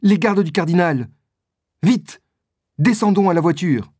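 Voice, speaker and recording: A commanding, scheming noblewoman, voiced by a storybook reader. She speaks slowly in a mellow tone, then breaks into sharp, urgent cries. The recording is dry and close. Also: mid-range voice, no room sound, lightly acted. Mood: alarmed. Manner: rising to sharp alarmed cries. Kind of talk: storybook reading.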